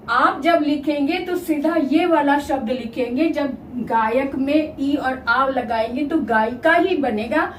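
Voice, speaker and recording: A high-pitched woman teaches a grammar lesson at an unhurried pace, breaking each word into its single sounds. Her voice is heard from some distance in a roomy, echoing space with a faint background hum. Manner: slow, spells out each sound step by step. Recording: roomy echo, voice from afar, faint ambience.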